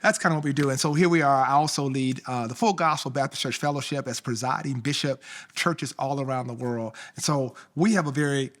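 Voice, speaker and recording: A man's voice: medium pitch, a little fast. A middle-aged man from Louisiana, a pastor co-hosting a casual chat with emphatic, at times sing-song energy. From Shreveport, Louisiana, US. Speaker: pastor and channel co-host.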